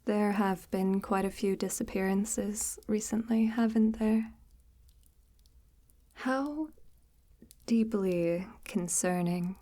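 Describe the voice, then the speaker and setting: In this ASMR audio roleplay, a woman lightly acts the part of a soft-spoken, coaxing forest witch drawing in a lost traveler. Her medium-pitched voice is breathy, frequently close to a whisper, and her mood is sly and probing. The slow, intimate monologue is delivered unhurriedly, with formal, faintly archaic phrasing and a gentle menace.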